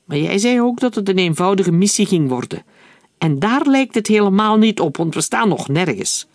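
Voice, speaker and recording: Male narrator as a hot-headed soldier, aggressive and loud, raised pitch, storybook reading. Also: expressive, moderate pace, no echo, clean studio sound. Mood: angry. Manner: hissing, shouting, aggressive. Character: hot-headed angry young soldier, man.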